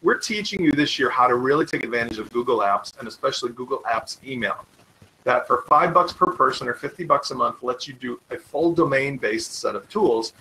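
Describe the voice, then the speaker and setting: Bright-voiced fast-talking man hosting a webinar. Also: medium pitch, animated, a little hiss or hum, poor audio. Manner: fast, enthusiastic, informal sales talk. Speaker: webinar host. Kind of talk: live web tutorial with screen demo.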